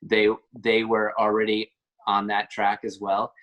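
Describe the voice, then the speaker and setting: A man's voice: lowish voice, monotone, unhurried, fairly bright tone. A man, an actor being interviewed, talking casually and rambling a bit as he searches for words. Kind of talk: casual chat.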